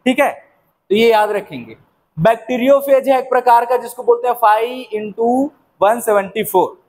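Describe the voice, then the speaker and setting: A man's voice: very high voice, normal speed, darkish tone. A young man teaching a biology lesson, who keeps asking questions and answering them himself. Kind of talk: classroom-style lecture.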